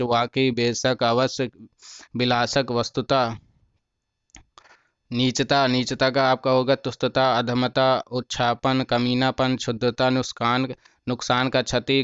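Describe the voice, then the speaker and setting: A man's voice: mid-range voice, clean tone, no room sound, lo-fi sound. A man teaching, reading out long lists of synonyms and telling students to memorize them, often correcting himself. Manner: slow, flat recitation with frequent self-corrections; repeats words and tells students to remember them.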